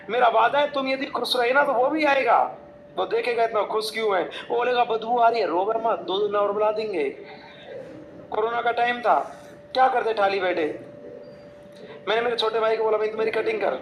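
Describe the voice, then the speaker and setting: A man's voice: very high voice, fairly bright tone, roomy sound, slight background noise, poor audio. A young man, a coaching teacher, telling chatty, jokey anecdotes full of quoted dialogue to motivate his students.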